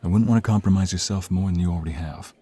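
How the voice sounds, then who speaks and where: Here the protective young mobster of a romantic audio drama is voiced low and slightly rough, racing along yet mellow. Tender and worried, he speaks intimately and earnestly to his lover, keeping menace in reserve for anyone who threatens them.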